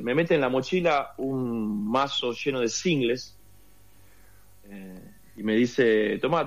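A mid-range male voice, muffled in the recording, belongs to an Argentine guest with a Rioplatense accent. In this casual interview he wanders through a lengthy story, relying heavily on fillers.

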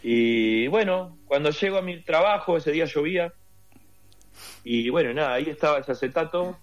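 An Argentine man with a Rioplatense Spanish accent rambles through a long story as a guest in a casual interview, packing in fillers. His voice is on the high side and animated, at a normal speed. The recording is muffled.

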